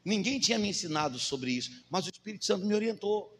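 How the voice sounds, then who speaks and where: A man's voice: high-pitched, animated, quick pace, a bit bright, long reverb tail, slight background noise. A man preaching as a pastor, emphatic, asking the congregation rhetorical questions. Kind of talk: sermon.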